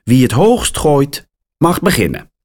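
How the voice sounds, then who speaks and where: A man's voice: medium pitch, big pitch swings, unhurried, voice pushed up. A man voicing a young boy in a children's story who often loses and sulks about it. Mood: bossy. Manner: sulky and sighing.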